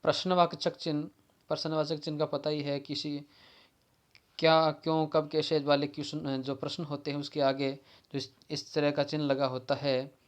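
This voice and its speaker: A man's voice: fairly high pitch, level tone. Man teaching a grammar lesson. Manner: repeats key terms, pauses and restarts words. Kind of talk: exam-prep grammar lesson.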